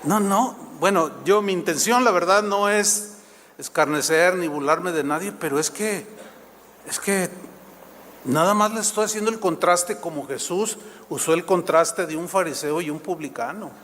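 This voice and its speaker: A middle-aged man, a pastor preaching a sermon in a lively way, often asking the congregation questions and adding joking asides, in a reverberant church hall. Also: sits high, normal speed, a little hiss or hum.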